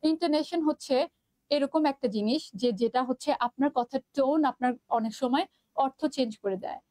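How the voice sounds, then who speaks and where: High-voiced Bangladeshi woman teaching live. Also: brisk, warm tone, no room sound. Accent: Bangladeshi Bengali. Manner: chatty, mixes English terms, reads out student comments. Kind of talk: live online class.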